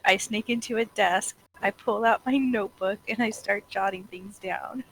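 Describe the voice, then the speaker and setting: A woman with a mid-pitched voice plays a tabletop game, casually describing what her character does. There is some faint noise behind her. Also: moderate pace, fairly bright tone, rough recording. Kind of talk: casual role-play chat. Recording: clear background room noise.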